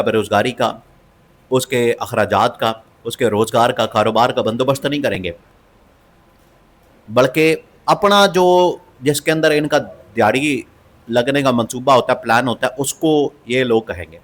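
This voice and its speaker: A man's voice: medium pitch, fairly bright tone. A man giving opinionated political commentary, emphatic and scornful, and he repeats phrases for stress.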